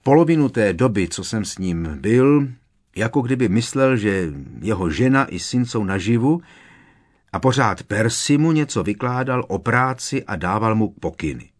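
A man's voice: on the low side, animated. A man reading aloud, voicing a worried teenage boy wizard who speaks urgently and with emphasis.

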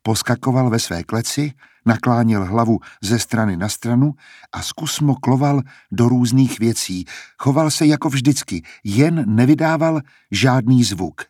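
A man reading a novel aloud as an audiobook narrator, in measured storytelling. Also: mid-range voice, a little mellow, no room sound, studio quality. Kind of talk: scripted narration.

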